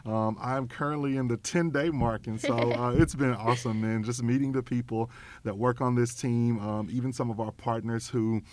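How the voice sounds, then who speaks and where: A young man speaks in an informal, enthusiastic way with an Arkansas twang. His pitch is average for a man, and the sound is dry and close, as in a conversational interview. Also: fairly even intonation, moderate pace, darkish tone, no echo. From Arkansas, United States. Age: young adult. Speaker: interview guest, nonprofit program director.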